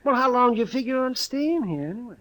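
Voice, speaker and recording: An American actor playing a crusty, grumbling older town doctor in an old-time radio western. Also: male voice, very high voice, expressive, fast, fairly bright tone. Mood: grudging. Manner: querulous, grumbling, folksy.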